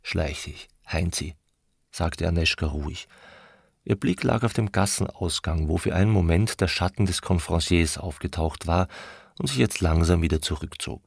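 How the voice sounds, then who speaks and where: A man reading a novel aloud in calm, measured narration, close on a studio mic. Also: low voice, gravelly, slightly rough, dry recording. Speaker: audiobook reader. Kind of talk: scripted narration.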